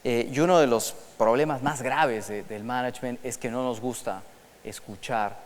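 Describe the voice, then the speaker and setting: A man giving a lively conference talk to an audience, asking them questions and slipping into English for quotes. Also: medium pitch, normal speed, slight background noise. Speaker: conference speaker. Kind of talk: lecture to an audience. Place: large auditorium. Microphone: microphone. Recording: long hall reverb in an auditorium.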